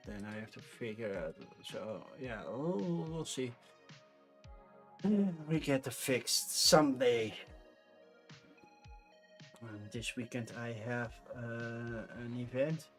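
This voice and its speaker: With faint music in the background, a Dutch-accented livestream host who is a native Dutch speaker rambles casually about board game crowdfunding, thinking aloud. His mid-range voice takes things slowly, pausing often.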